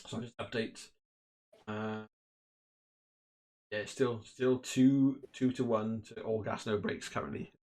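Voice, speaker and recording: A man with a lowish voice casually commentating a tabletop wargame stream. He rambles and restarts his sentences often, filling gaps with ums and likes. The talk stays relaxed and conversational. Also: slow, pauses often. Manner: chatty, many fillers and restarts. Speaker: host and commentator. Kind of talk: casual live game commentary.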